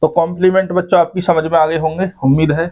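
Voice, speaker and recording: A man teaching an English grammar lesson, his voice sitting a little high for a man. He explains patiently, point by point, and keeps asking the class if it is clear. The recording sounds dull and lo-fi. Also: little pitch movement, quick pace, a little mellow. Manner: explains step by step, keeps adding "ठीक है भाई".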